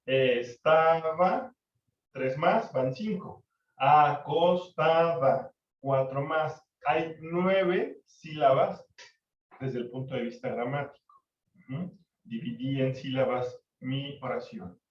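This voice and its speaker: A male literature teacher, lecturing an online class, counting syllables slowly and checking for understanding. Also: mid-range voice. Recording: echoey, distant, dull-sounding mic.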